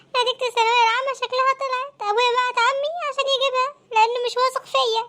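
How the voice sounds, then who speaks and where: Super high squeaky egyptian cartoon kids freaking out over exam results, a woman voicing them, bright and tense, talking at breakneck speed. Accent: Egyptian Arabic. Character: panicky teenage students dreading exam results. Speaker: voice actor for a comic cartoon. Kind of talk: comic cartoon dialogue.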